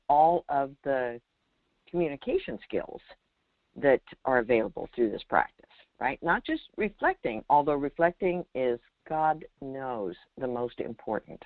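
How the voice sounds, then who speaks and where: A medium-pitched meditation teacher hosts a call-in conversation, offering spiritual guidance to a caller. He speaks emphatically, repeating phrases and checking in with short questions, heard over a narrowband phone line with no echo.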